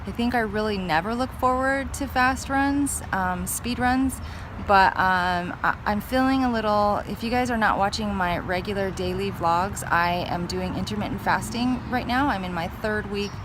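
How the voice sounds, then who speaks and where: A woman's voice: mid-range voice, moderate pace. A woman chatting casually to viewers as a fitness vlogger, thinking aloud in a hesitant, musing way. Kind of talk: casual vlog chat to camera. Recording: clear vehicle and outdoor noise.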